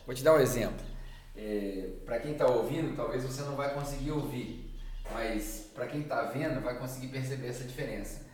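A man's voice: mid-range voice, moderate pace, darkish tone, a little hiss or hum. Brazilian man telling stories in a roomy space. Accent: Brazilian Portuguese. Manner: casual, conversational, acts out quoted dialogue. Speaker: podcast host. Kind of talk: reflective personal storytelling. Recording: roomy echo.

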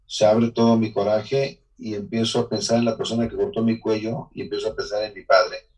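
This man's fairly low voice stays level, brisk, and darkish as he shares his life testimony in an interview. He is from Mexico, speaks with a Mexican accent, and sounds earnest and emotional, now and then beginning a sentence again. He was recorded from a distance, and the recording is rough.

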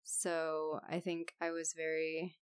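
A woman who grew up in Texas, chatting as a podcast guest, tentative and unhurried. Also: sits low, monotone, clear, resonant tone, no room sound, studio quality. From Texas, United States. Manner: unhurried, tentative, with "like" and "I don't know". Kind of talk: casual chat.

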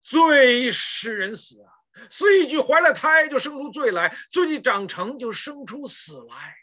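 A woman's voice: high-pitched, lively intonation, a little slow, fairly bright tone, muffled recording. A woman preaching a sermon, retelling scripture stories with emphatic rhetorical questions.

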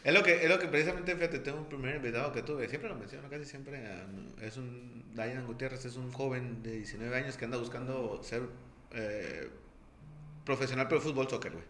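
A man from Mexico hosts a podcast in a relaxed, slangy manner, jumping in with short interjections. His voice sounds bright and a little sharp. The sound is roomy and echoey, with a faint hum of ambient noise behind him. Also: medium pitch, brisk. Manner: laid-back, slangy, with frequent short interjections. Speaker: podcast host. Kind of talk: casual interview.

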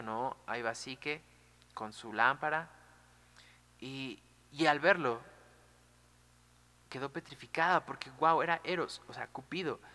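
A man's voice: mid-range voice, big-room sound. Chatty man retelling a myth. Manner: animated, chatty, full of fillers. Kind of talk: casual storytelling.

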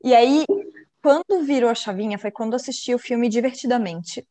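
A woman's voice: on the high side, a little fast. A woman co-hosting a podcast, chatting casually and acting out film scenes as she tells them. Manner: animated storyteller, acts out film scenes in voices; upbeat, self-described positive person. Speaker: podcast co-host.

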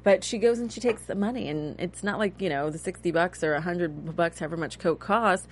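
A woman in her thirties hosting a casual TV recap chat, talking in a chatty, animated way with a touch of cynicism. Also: on the low side, fairly quick. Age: 30s. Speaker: host.

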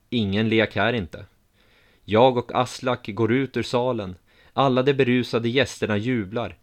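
A man calmly reading a first-person story aloud in an even, measured way. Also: mid-range voice. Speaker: narrator.

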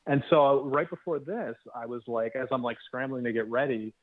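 A man calling in to a podcast by regular phone, his voice thin and without bass, chatting casually with rambling jokes and frequent restarts. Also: moderate pace. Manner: rambling, joking, self-interrupting. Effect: thin phone-line sound with no bass. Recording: tinny phone line.

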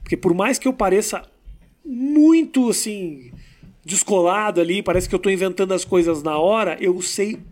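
A man, a comedian, chatting in a casual interview, talking slowly and deliberately with pauses. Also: high voice, a little mellow.

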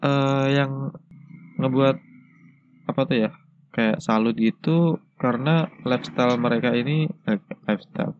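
A young man with a cold and a stuffy, congested nose, hosting a casual solo podcast in a hesitant, halting way. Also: mid-range voice, slight background noise. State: has a cold with a blocked nose. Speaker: podcast host. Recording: dull lo-fi, dry sound.

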